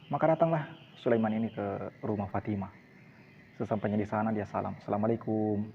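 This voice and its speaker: A man telling a religious story in a steady, low-key way, often using the filler "eh", on a dull lo-fi recording with faint hiss. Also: a little fast, gravelly, in a large hall.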